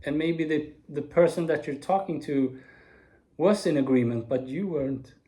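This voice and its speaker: A man in his forties giving a slow, earnest spoken reflection to camera, with soft laughs now and then. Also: on the high side. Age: 40s. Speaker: video speaker.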